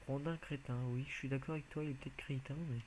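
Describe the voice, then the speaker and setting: A man's voice: mid-range voice, fairly even intonation, fast, darkish tone, slight background noise, poor audio. A man giving casual, rambling commentary as he plays a video game, hesitant and full of filler sounds. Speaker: video game let's player.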